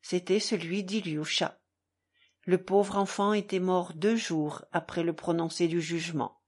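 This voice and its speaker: A woman narrating an audiobook of a classic novel in a measured, even way. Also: on the low side.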